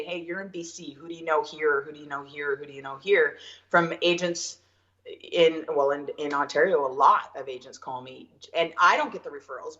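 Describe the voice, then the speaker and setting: A Canadian woman talks freely as an interview guest, chatty and quick to laugh, with plenty of fillers. Her voice sits very low for a woman, and the recording is a bit dull and lo-fi. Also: fairly bright tone. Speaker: guest realtor. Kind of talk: casual interview.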